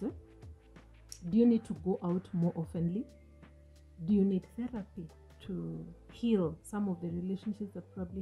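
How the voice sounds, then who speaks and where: A warm, mid-range, slightly rough female voice with its highs cut off hosts an earnest motivational talk, coaching the listener and asking them questions. The speaker is an African woman in her forties whose first language is an African language, not English. She is seated on a sofa in a small room, talking into a studio mic on a stand in front of her.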